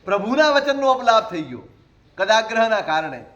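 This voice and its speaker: High-voiced Jain monk giving a sermon. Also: male voice, very animated, normal speed, muffled recording. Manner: conversational, with rhetorical questions and gentle humor.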